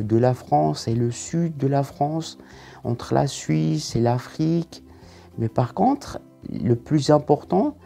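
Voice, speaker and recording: A man gives an online language lesson in a warm, mellow voice with a gravelly edge. He explains methodically, step by step. Soft music plays faintly behind him. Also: fairly high pitch. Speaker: French language teacher.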